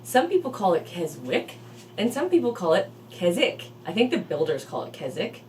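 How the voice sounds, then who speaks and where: A woman's voice: mid-range voice, sing-song, quick pace, darkish tone, recorded from a distance, slight background noise, low-quality recording. A woman hosting a casual interview, chatty, with lots of follow-up questions. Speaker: real estate video host.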